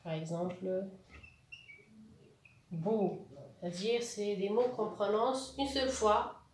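Slow, echoey woman teacher. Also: medium pitch, darkish tone, recorded from a distance. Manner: slow, syllable-by-syllable demonstration. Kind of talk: explaining reading exercises to teachers. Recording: echoey room with faint noise.

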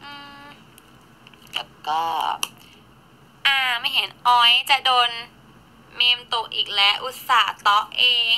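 A woman's voice: a little high, slow pace, long pauses, sharp tone, low-quality recording. A woman in her twenties chatting casually on a live stream, snacking and thanking viewers as she talks. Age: 20s. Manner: chatty, eats and reads viewer gifts while talking.

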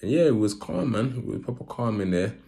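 This vlogger has a medium-pitched, warm, slightly creaky voice with lively intonation and a somewhat quick pace. Speaking in an urban London accent with roadman slang, he tells personal stories casually to camera and repeats phrases for emphasis.

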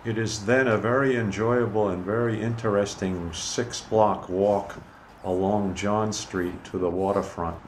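A man narrating a casual walking tour in a measured, informative way, speaking from behind a handheld camera outdoors on a city pier. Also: fairly low pitch, fairly even intonation. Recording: camera audio with clear outdoor noise.

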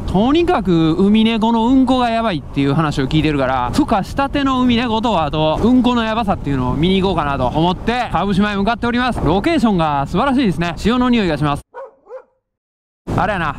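A man's voice: sits high, noisy background. A young man with a Kansai accent chatting and joking to himself while he vlogs outdoors by the sea on an action camera mic. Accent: Kansai Japanese. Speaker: motovlogger. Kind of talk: casual vlog commentary.

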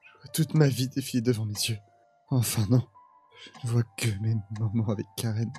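A man acting an emotional young boyfriend in an audio drama, easily exasperated and expressive. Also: mid-range voice, moderate pace, soft background music, natural voice. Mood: resigned, solemn. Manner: expressive, swinging from soft narration to anguished cries.

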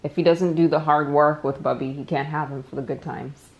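A woman's voice: deep voice, fairly quick, muffled recording. A woman and mother chatting casually and playfully with her family on a home vlog. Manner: playful and laughing, lively. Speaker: mother and vlogger. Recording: handheld home video with background noise.

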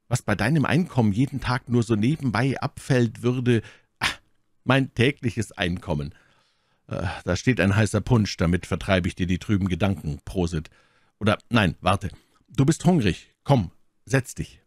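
A man's voice: fairly low pitch, expressive, moderate pace, no echo, studio quality. A man voicing a young man, a theatrical and self-pitying friend, in a read-aloud storybook. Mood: despairing.

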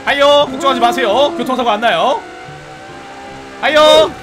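High-voiced, fast-talking male gamer. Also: animated. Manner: playful, shouts at rival cars during races. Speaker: game YouTuber reviewing a car. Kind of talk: excited gameplay commentary. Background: background music and engine sounds.

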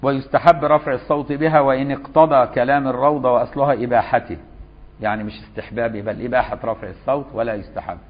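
A male Egyptian scholar gives a religious lesson, reading passages aloud and then unpacking them in relaxed colloquial speech. His voice sits at a middle pitch and the recording is slightly dull and lo-fi. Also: quick pace. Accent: Egyptian Arabic. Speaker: Islamic scholar teaching a fiqh lesson.

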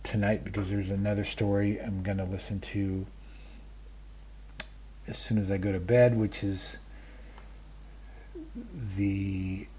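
A book vlogger in his fifties or older rambles casually about stories and radio, halting and interrupting himself self-deprecatingly in a husky, warm, low-pitched voice with little pitch movement. He is indoors in a small room at home, framed by a webcam and wearing wired earphones. A little hiss or hum can be heard.

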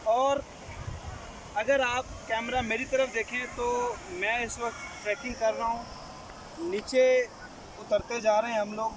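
A man's voice: very high voice, little pitch movement, a little slow. A young man from Pakistan holding a phone at arm's length outdoors, talking to viewers in a chatty, promotional way as a travel vlogger and tour organizer. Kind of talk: selfie travel vlog. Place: outdoors by a road and on a hill trail. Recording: noisy outdoor phone recording.

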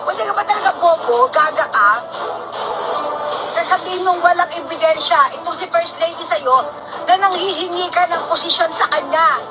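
A woman's voice: extremely high pitch, moderate pace, poor audio. A woman hosting a reaction video, ranting scornfully and insulting her target, repeating words for emphasis. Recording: loud music playing behind.

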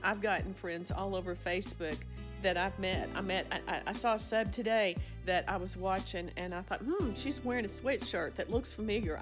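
A middle-aged woman, talking casually to her phone camera in a small indoor office. She speaks in a folksy, rambling way, often restarting or trailing off. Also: mid-range voice. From Arkansas. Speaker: vlogger, physician and farmer. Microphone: phone camera up close.

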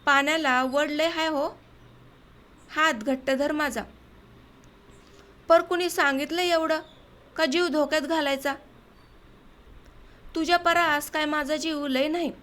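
A woman reading the lines of an anxious, sharp-tongued village woman in an audiobook story. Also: high-pitched, steady tone, takes it slowly, long pauses. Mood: fretful. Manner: fretful, scolding.

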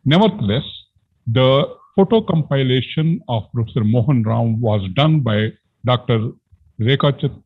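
An older man with an Indian accent gives a formal vote of thanks in a deliberate, halting way. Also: mid-range voice, animated, breathy edge. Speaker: event organiser giving vote of thanks. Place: indoor room, on a video call. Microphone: computer mic on video call. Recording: tinny, phone-like video call audio.

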